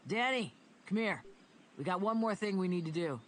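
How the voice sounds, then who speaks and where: A woman voicing a gruff male dog trainer who speaks bluntly and gives commands in a storybook reading. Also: deep voice, lively intonation, a little fast, a bit bright, slight background noise. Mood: commanding. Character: gruff man, dog trainer, brusque and teasing.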